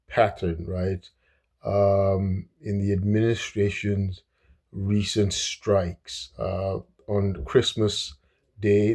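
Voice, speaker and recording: Man from Nigeria, solo commentary, slow halting delivery, lowish mellow voice. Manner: hesitant, many fillers and restarts. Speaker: political commentator.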